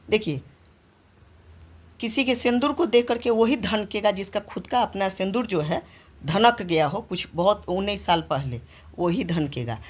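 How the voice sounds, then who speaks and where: A woman vlogger from Bihar in her thirties, talking emotionally to her viewers, indignant and lamenting, with many fillers and restarts. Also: medium pitch. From Bihar, India. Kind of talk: emotional monologue to camera.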